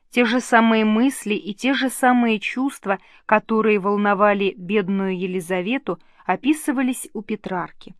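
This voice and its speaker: A woman narrating a historical novel in a measured audiobook reading. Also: fairly high pitch, no echo, studio quality.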